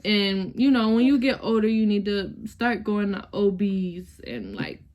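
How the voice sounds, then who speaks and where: A woman's voice: medium pitch, fairly even intonation, a little slow, darkish tone, highs cut off. A young woman tells an emotional personal story in a casual, chatty way, often calling her viewers y'all and sometimes close to tears. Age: young adult. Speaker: vlogger.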